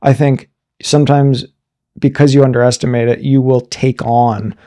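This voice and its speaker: A man's voice: medium pitch, level tone, moderate pace, dark tone. A man in his thirties co-hosting a podcast, talking frankly and casually, joking and thinking aloud with restarts. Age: 30s. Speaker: podcast co-host. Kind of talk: casual chat.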